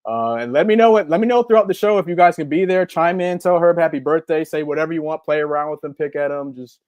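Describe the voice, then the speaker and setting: A man in his forties with a Southern US accent talks casually on a live podcast, drifting along with plenty of ums. His voice sits a touch high for a man. The sound is dry and close, with no room echo. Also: fast talker, clean tone. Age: 40s. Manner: relaxed, rambling, chatty with filler ums. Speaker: podcast co-host. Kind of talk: casual live-stream chat.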